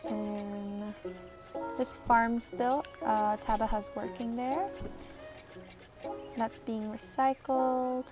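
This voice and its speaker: A woman with a fairly high voice talks through a building game at an unhurried pace. She is playful and chatty and breaks into mock-dramatic outbursts. Game music plays clearly underneath her. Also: steady tone. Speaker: vtuber streamer. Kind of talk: casual gameplay commentary.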